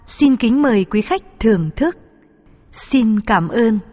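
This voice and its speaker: A woman's voice: a little high, lively intonation, takes it slowly, dark tone. A woman speaking as a flight attendant, reading formal, polite scripted in-flight announcements. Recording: long hall-like reverb.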